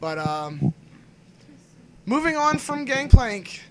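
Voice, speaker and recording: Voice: medium pitch, big pitch swings, slow, bright, forceful tone, rough recording. A co-host chatting casually and jokingly about a video game with friends. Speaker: podcast co-host. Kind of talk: casual gaming commentary chat.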